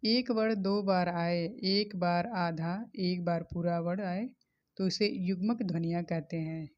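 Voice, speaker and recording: A woman teacher walks through a revision lesson at an unhurried pace, in a fairly low voice. She spells out letters and examples one at a time. The recording sounds dull and lo-fi. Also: fairly even intonation. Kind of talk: exam revision lesson on grammar.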